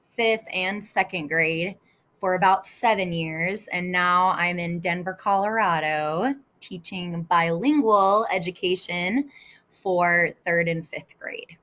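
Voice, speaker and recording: An American woman teaches through an informal, conversational online tutorial, a casual webinar demo in a live video session. Her voice sits lowish with a fairly bright tone.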